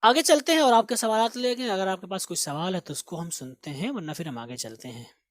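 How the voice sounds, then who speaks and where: A teacher, slowly explaining English grammar and repeating words aloud for pronunciation. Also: medium pitch, animated. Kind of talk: spoken grammar and vocabulary lesson.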